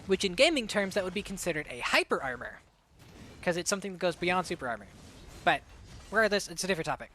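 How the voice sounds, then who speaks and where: A woman with a bright, edgy tone calls a game match live on stream, hyped and quick to react. Her throat is sore, but she keeps the energy up through the play-by-play. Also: lowish voice, very animated, a little hiss or hum.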